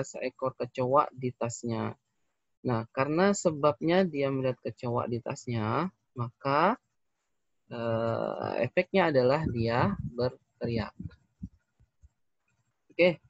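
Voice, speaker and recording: A man with an Indonesian accent teaching an English lesson, explaining slowly and repeating himself with fillers. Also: medium pitch, no echo. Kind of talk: recorded classroom lesson. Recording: dry, slightly dull lo-fi recording.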